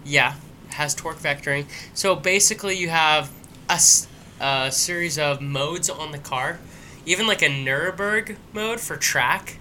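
A man's voice: a little high, a little slow, sharp tone, slight background noise. A tipsy man co-hosting a casual podcast, laid-back and agreeable, with lots of fillers. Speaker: podcast co-host. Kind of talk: casual chat.

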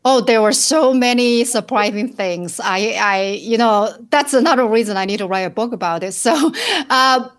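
Woman, forties, Chinese accent, fairly high voice, interview guest, pauses with "uh" a lot. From China. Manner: pauses often with "uh", searching for English words. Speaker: guest, financial advisor. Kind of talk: casual interview.

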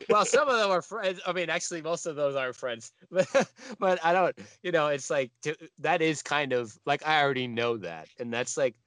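A man in his mid-twenties, a guest answering casually in a halting way with many fillers. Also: on the high side, expressive, a bit bright. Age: 20s. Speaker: guest musician. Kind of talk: casual conversational interview.

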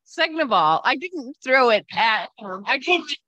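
A woman's voice: high-pitched, sing-song, measured pace, sharp tone, dry recording. A woman co-hosting a podcast, teasing and matter-of-fact as she tells a story in casual banter. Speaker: podcast co-host.

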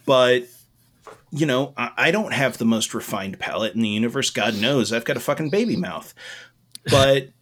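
Rambling, halting man on a casual podcast. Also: medium pitch, animated. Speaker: podcast co-host giving opinions.

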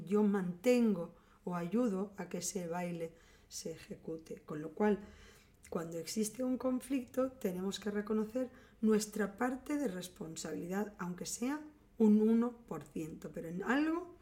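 Mellow-voiced Spanish woman giving advice. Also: mid-range voice. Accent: Spain. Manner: explanatory, calm, teaching tone. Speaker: relationship advice speaker. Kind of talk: advice talk to viewers.

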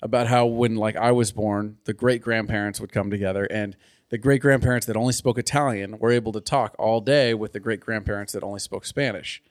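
A man's voice: on the low side, steady tone, brisk. A man hosting a casual family conversation, asking questions and telling stories. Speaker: host of a family conversation show. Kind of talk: casual chat.

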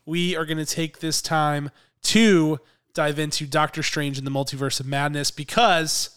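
Here a man co-hosts a podcast in easygoing conversation, laughing frequently. His fairly bright, slightly high voice is smooth and clear but a touch hoarse from a cold, delivered at normal speed in a level tone.

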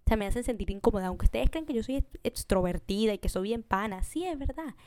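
In a casual solo podcast monologue, the host speaks directly to her listeners, chatting away, often adding "you know?" and slipping English words into her Spanish. Her voice is on the high side and warm, with lively intonation, and she talks fast. There is no room sound.

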